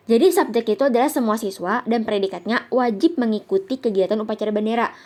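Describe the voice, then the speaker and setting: A young woman from Indonesia talks through a grammar lesson in a casual classroom manner. She reads out example sentences, repeats them, and links her points with easy fillers. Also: fairly high pitch. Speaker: student presenter.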